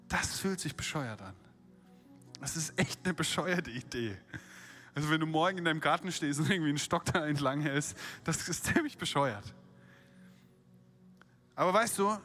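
A man preaching a sermon, retelling a Bible story with lively acted-out quotes and direct rhetorical questions to the listener. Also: fairly high pitch.

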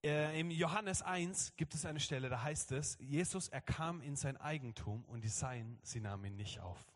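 German pastor preaching in a reverberant hall. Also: male voice, on the high side, normal speed. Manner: lively, acts out quoted voices. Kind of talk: sermon. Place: church hall.

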